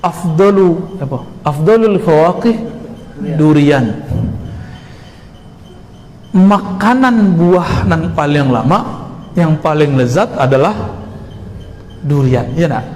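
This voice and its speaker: A man preaching to a congregation, lively and full of rhetorical questions. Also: a little high, takes it slowly, long pauses. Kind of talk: sermon. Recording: long hall reverb with faint noise.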